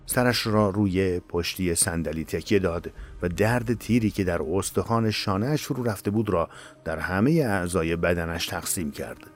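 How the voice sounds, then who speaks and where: A man narrating a tense audiobook story in a steady, measured way. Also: sits low. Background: faint music.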